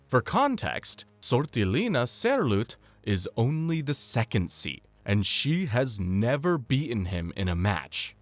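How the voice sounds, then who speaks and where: A man reading a scripted story recap, explaining events in a steady, explanatory storytelling manner. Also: medium pitch, dry recording. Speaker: anime recap narrator. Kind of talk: scripted narration.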